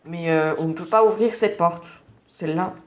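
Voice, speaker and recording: A man's voice: a little high, normal speed, highs cut off. A man giving casual, slangy running commentary on a game as he plays. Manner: relaxed, slangy, chatty. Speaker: gameplay commentator.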